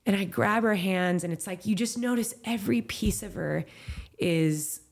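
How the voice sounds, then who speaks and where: A low, gravelly-edged woman's voice, telling a personal story in an interview. She speaks candidly and from the heart, with lots of casual fillers. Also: unhurried. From Southern California. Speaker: professional trail runner, guest. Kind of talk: emotional storytelling in a podcast interview.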